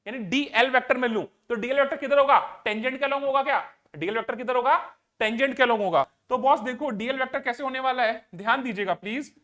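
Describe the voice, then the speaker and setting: A man's voice: extremely high pitch, bright, forceful tone. A man teaching physics to a live class. He asks a question, answers it himself and repeats it, and he coaxes and scolds students to pay attention.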